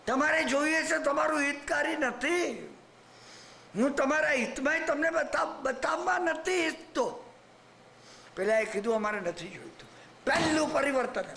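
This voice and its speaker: A man's voice: very high voice, sharp tone. A man giving a sermon, telling a moral story and often checking that his listeners understand. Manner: keeps asking the audience if they understand. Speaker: Jain preacher. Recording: roomy hall with faint hiss.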